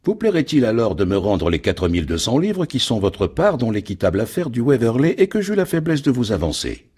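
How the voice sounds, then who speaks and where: Scheming shipowner, voiced by a man: metallic, mocking, high and husky, lively delivery. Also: fairly quick. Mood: gloating. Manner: mocking, gloating. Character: greedy scheming middle-aged male shipowner.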